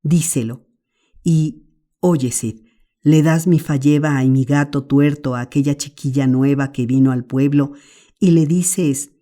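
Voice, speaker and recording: A woman's voice: sits low, a little slow, dark tone. A woman voicing a mischievous boy who whimpers and pleads theatrically, in an audiobook. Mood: whimpering. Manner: whimpering, melodramatic. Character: mischievous boy faking illness.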